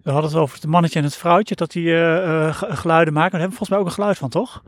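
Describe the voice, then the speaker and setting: A man interviewing a guest and asking quick, stumbling questions in a casual chat. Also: a little high, fairly even intonation, dry recording, studio quality.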